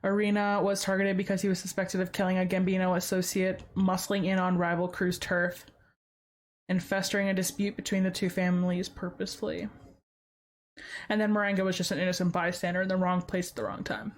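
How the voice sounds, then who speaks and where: A woman's voice: fairly low pitch, steady tone, a little fast. A woman hosting a casual true-crime podcast, chatty and filling her sentences with "like". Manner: chatty, heavy use of "like" fillers. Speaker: podcast host.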